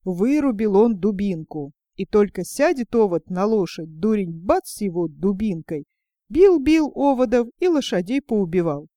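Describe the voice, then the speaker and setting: Woman reading a folk tale, mellow. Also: medium pitch, measured pace, dry recording, studio quality. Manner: steady storybook telling.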